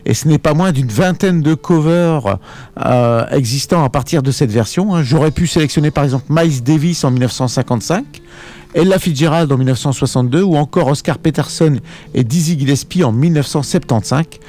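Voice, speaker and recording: A man presenting a relaxed, conversational radio music segment as columnist. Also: on the high side, fairly quick. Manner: relaxed, conversational, ends phrases with tag words. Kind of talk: radio music segment, casual studio chat.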